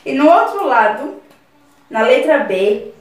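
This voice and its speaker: A woman with a Brazilian Portuguese accent, a primary school teacher giving a recorded class to children, explaining slowly and repeating words syllable by syllable. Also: sits high, very animated. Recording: very echoey room, voice from far off.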